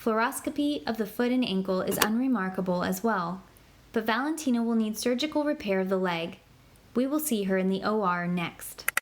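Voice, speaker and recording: A woman with a medium-pitched voice delivers scripted instructional narration for an interactive kids' medical app. She speaks evenly, clearly, and in a measured way, with noise audible in the background.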